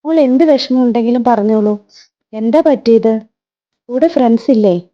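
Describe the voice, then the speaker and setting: A woman voicing a kind young woman student who soothes a crying child gently. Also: on the high side, moderate pace, muffled recording, natural voice. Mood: soothing.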